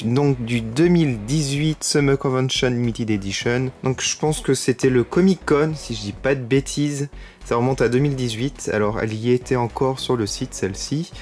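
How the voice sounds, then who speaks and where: A man's voice: medium pitch, darkish tone. A man with a French accent chatting enthusiastically while unboxing collectible figurines, with lots of fillers. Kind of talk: casual unboxing vlog.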